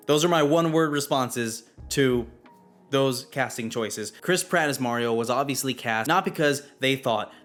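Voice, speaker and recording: A man talking through a movie review at a medium pitch, neither high nor low. He lays out his opinions bluntly and plainly, with firm verdicts. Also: moderate pace, fairly bright tone, faint music behind. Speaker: film reviewer.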